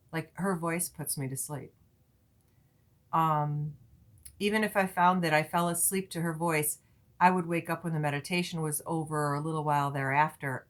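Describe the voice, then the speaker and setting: A woman tarot reader talking to her viewers in a chatty, earnest way, with many fillers and restarts. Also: low-pitched. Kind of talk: casual spiritual reading.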